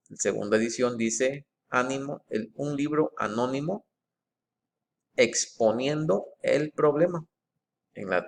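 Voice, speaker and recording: A man with a gravelly voice talks through a text comparison in an informal, explanatory way. His pitch sits in a plain middle register. He reads short passages aloud and stops often to restart his phrases. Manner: methodical and halting, with frequent fillers and restarts. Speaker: presenter comparing book editions.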